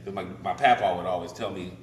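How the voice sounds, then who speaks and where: A lively comedian swapping old-school jokes in casual banter, laughing often. His voice sits at an everyday pitch. It rings in a hard-walled comedy club and sits back from the mic, with a faint hiss behind it. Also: quick pace. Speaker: comedy podcast co-host. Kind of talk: casual banter, joke-telling. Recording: echoey room from far off.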